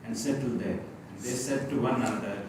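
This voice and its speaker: A man reads a scripture passage aloud to a study group at a steady pace. He sits far from the mic in a very echoey room, and a clear hiss runs behind him. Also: mid-range voice, brisk. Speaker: scripture reader in a Bible study.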